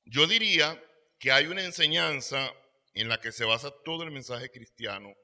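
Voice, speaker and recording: Bright-voiced preaching man. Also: medium pitch, moderate pace. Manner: preaching with emphatic swells in volume; reads scripture aloud. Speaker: pastor. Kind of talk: sermon.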